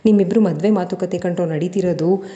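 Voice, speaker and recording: A fond aunt teasing a shy bride and groom, as a woman narrator puts her on. Playful and warm-toned, low-pitched, in a relaxed spoken storybook delivery. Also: fairly quick, dull audio, close to an everyday voice.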